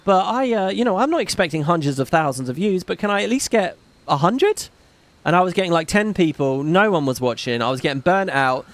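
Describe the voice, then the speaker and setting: A high-pitched, expressive male voice, a little fast, belongs to a gaming streamer chatting casually over donations. He rambles, swears and mocks himself while reading viewer comments, with a slight British accent.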